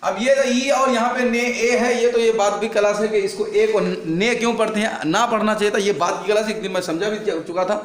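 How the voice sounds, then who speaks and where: A man teaching a classroom lesson, spelling words out slowly and drilling his students with repeated questions. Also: high-pitched, steady tone. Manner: slow, drawn-out spelling. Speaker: English teacher. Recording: echoey room with faint noise.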